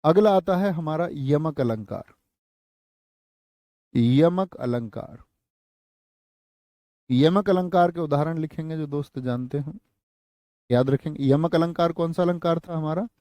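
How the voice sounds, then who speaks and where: Slow, repetitive male Hindi teacher. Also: a little high, warm tone, dry recording. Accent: Hindi, North Indian. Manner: slow, repeats phrases for dictation; addresses students with casual asides. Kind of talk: online exam-prep class.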